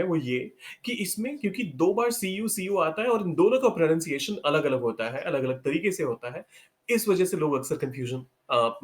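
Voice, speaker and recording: Man, slightly high voice, patient pronunciation teacher drilling words slowly. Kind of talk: explaining in Hindi mixed with English.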